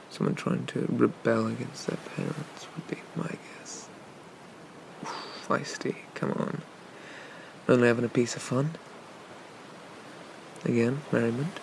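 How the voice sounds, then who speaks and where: Man playing a slow, gravelly flirty pirate captain, whispered role-play. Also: medium pitch, animated, slight background noise, full character voice, rough recording. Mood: teasing, courting. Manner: leisurely, teasing, roguish, murmured asides. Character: flirty, teasing gentlemanly male pirate captain. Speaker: ASMR role-play performer.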